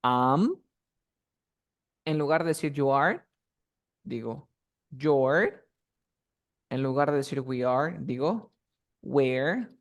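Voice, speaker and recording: A man's voice: mid-range voice, extremely slow, pauses often. Patient male teacher drilling words. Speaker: English teacher. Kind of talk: online class instruction.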